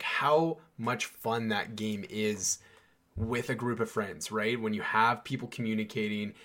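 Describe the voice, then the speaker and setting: A man's voice: lowish voice, a bit bright. A young man hosting a podcast, chatting casually and enthusiastically, with many fillers and restarts. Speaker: podcast host. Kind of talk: casual chat.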